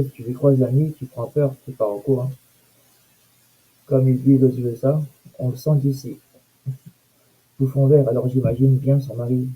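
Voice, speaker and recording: A man's voice: medium pitch, warm tone, husky, low-quality recording. A man giving casual, sarcastic commentary on news items and comments, with mocking asides.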